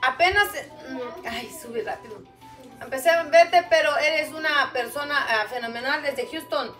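High-voiced Guatemalan woman, chatty livestream host. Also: a little slow, faint music behind. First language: Chuj. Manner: warm, chatty, calls viewers "mamita". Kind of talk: casual livestream chat reading viewer comments. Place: home kitchen, indoors. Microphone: camera a little way off. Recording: echoey kitchen, distant mic.

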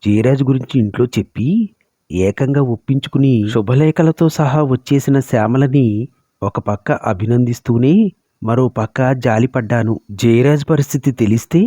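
A man narrating a short story in a steady, measured reading voice. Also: medium pitch, no echo, clean studio sound. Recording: dull lo-fi recording.

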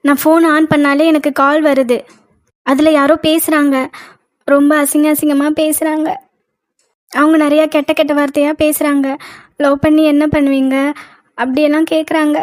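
A woman's voice: high-pitched, little pitch movement, moderate pace, long pauses, a little mellow, no room sound, close to an everyday voice. A woman voicing a timid scared cartoon girl. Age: young adult. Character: frightened young college woman, timid. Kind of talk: cartoon voice acting.

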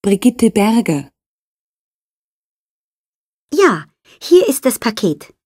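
A woman's voice: fairly high pitch, sing-song, drawn-out words, a little mellow, slightly rough, dry recording, studio quality. A woman reading short scripted dialogue lines for a lesson. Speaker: dialogue reader.

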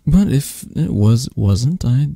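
In an ASMR romance roleplay, a man plays a possessive yet tender mafia boss, murmuring intimately and teasingly in a slow, halting, husky way. His mid-range voice is mellow and exaggerated with lively intonation, recorded close and dry with no echo, and the mood is teasing and soothing.

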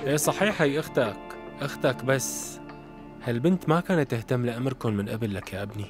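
A man's voice: medium pitch, fast talker, music in the background, natural voice. A man dubbing a sarcastic teenage schoolboy in a TV drama. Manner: sarcastic, needling. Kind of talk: dubbed TV drama.

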